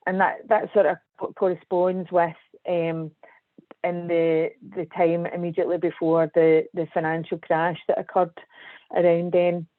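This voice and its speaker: Her lowish voice carries a Scottish accent as this woman, a guest civil engineer, presents a webinar. She is measured yet hesitant, with many ums. The video call sound is tinny and dry, without echo.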